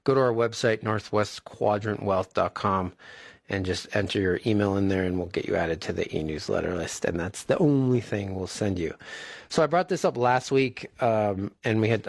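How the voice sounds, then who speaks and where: Low-voiced man hosting casual radio. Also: moderate pace, no room sound, clean studio sound. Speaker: radio show host.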